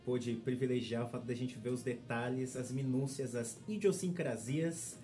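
A man volunteering in a casual chat gives his thoughts in quick, reflective bursts. Faint music plays under his voice. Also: medium pitch, warm tone. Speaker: volunteer guest.

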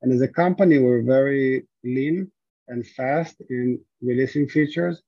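An Israeli startup founder, interviewed as a guest, gives long answers full of fillers and restarts, sounding hesitant. His medium-pitched voice is unhurried and slightly rough, with no room sound and a dull lo-fi quality.

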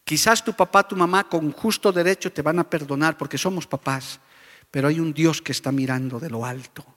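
A middle-aged pastor preaches with fervent conviction. His voice sits a little high for a man, and long reverb trails each phrase through the church hall. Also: brisk, fairly bright tone. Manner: fervent preaching, often calls out "brother". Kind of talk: sermon.

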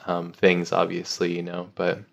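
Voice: low-pitched, completely flat delivery, moderate pace, vocal fry. A podcast host in his thirties, talking in a rambling, philosophical way in casual conversation. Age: 30s. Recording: roomy with faint ambient noise.

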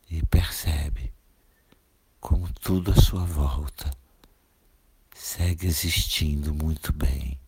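A man leading a guided meditation in soothing, gentle, repeated instructions, pausing between short phrases. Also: a bass voice, gravelly, husky. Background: music with singing bowl tones.

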